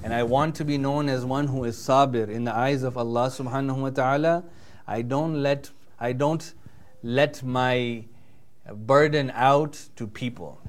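A man's voice: medium pitch, a little slow. A man giving a religious lecture in English, who recites passages fluently in Arabic and often checks in with "yeah?" and "right?". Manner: earnest, emphatic delivery. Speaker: preacher.

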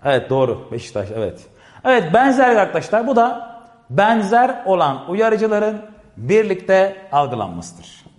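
Unhurried and high-pitched with wide swings in tone, a man teaches a step-by-step classroom lecture at a board. Key phrases come back again and again as he keeps speaking to his listeners, and long reverb fills the echoey space.

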